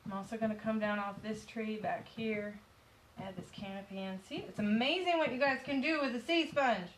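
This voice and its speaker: A woman's voice: medium pitch, moderate pace, rough recording. Southern lady doing a live painting lesson on her phone, chatty, narrating every step, bit of background hiss. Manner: loose, chatty, talks through each step. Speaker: painting instructor. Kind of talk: live-stream painting tutorial. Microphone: phone on live stream.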